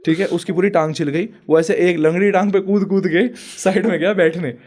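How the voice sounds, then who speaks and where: Young guy on a podcast, high voice, laughs a lot telling stories. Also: brisk. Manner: animated storyteller, laughs often. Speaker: podcast guest. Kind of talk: casual chat, storytelling.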